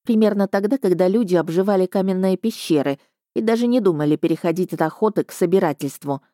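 A woman's voice: fairly low pitch, fast, warm tone, no echo. A woman reading a first-person story aloud with a wry, dry tone. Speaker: audiobook narrator. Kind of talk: scripted first-person narration.

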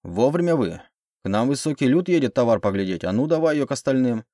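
A man playing a scrawny, toothless male market dealer who talks in a brisk, pushy way. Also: medium pitch, animated, dark tone, no echo, studio quality, pitched above the performer's own voice, natural voice.

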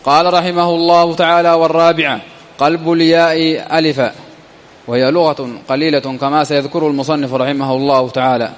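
A man teaching a classical grammar lesson, slowly, often repeating key phrases for his students. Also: on the high side, fairly even intonation. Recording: long echoey reverb.

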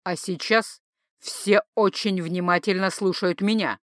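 A woman's voice: medium pitch, lively intonation, moderate pace, a bit bright, no room sound, studio quality, lightly acted. A woman voicing a weary male magic-police chief who speaks with barely restrained irritation. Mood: irritated.

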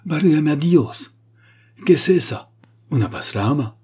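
A man's voice: on the high side, animated, slow pace, mellow, slightly rough, voice pushed up, full character voice. A man voicing a panicked Spanish grandee who cries out in terror, with a Spanish accent. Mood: terrified. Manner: shrieking in terror. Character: panicked Spanish grandee nobleman, male adult.

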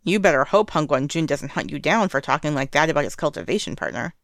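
A woman's voice: low voice, animated, fast talker, fairly bright tone, dry recording, clean studio sound. A woman voicing a stubborn, blunt older woman who keeps a tavern, firm and unbending, in an audiobook narration. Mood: scolding. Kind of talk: audiobook narration of fan fiction.

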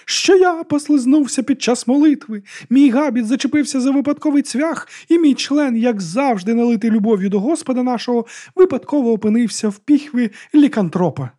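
A man's voice: high-pitched, animated, fast talker, mellow, pitched above the performer's own voice. A man voicing a sly, teasing woman with a sing-song, mocking delivery in an audiobook. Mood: sing-song mockery.

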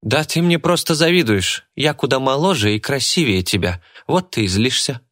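A man voicing a vain, bratty young woman who taunts in a shrill way. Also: lively intonation, moderate pace, a bit bright, lightly acted. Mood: taunting.

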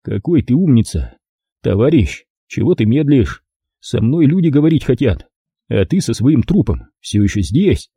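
A man doing a gruff, mocking detective in an audiobook, low and unhurried, with cool menace in every word. The voice is dark and husky, recorded close and dry. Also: sing-song, no room sound. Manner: slow, menacing, sarcastic. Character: gruff tough male ex-investigator detective, mocking.

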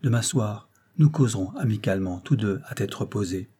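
Male narrator as a low, dark-voiced, commanding suitor, earnest. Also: expressive, brisk, slightly rough. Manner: earnest, authoritative. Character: calm commanding young man in love.

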